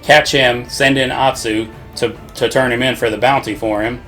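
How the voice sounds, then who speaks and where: A man's voice: medium pitch, fairly even intonation, normal speed, a bit bright, soft background music. A man casually recapping a video game story, rambling with lots of swearing and frequent laughter. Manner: rambling, profane, laughs often. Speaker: podcast co-host.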